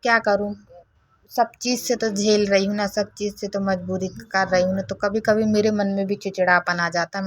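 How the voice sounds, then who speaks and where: Woman, casual home vlog, chatty, mid pitch, dry close sound. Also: no echo. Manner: chatty, talks straight to viewers. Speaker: vlogger.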